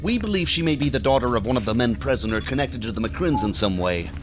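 In this audio drama, a male federal agent, officious and quick to irritation, briefs his colleagues with formal, measured pomposity and a mood of irritated condescension. The actor's medium-pitched voice has lively intonation and is only lightly acted.

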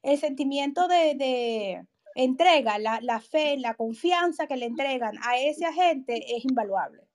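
A woman host in a panel conversation, with a clearly high voice. She speaks in an agreeable, encouraging way and keeps affirming her guest's points. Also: lively intonation, unhurried.

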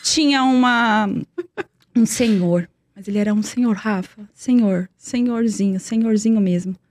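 A woman's voice: mid-range voice, measured pace, a little mellow. A young woman telling a personal story in earnest, repeating words for emphasis. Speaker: guest.

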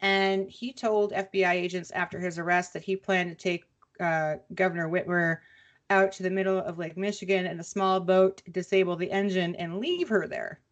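A woman podcast co-host chatting casually and recapping news, with relaxed, hesitant pauses. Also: lowish voice, highs cut off. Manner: conversational, relaxed with many "um" pauses.

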